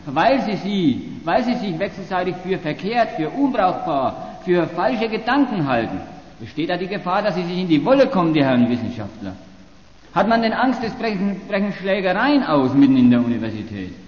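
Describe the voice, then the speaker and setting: A man's voice: high-pitched, sing-song, moderate pace, reverberant, in a large hall, highs cut off. A man giving a polemical university lecture, arguing sarcastically and often restarting his phrases.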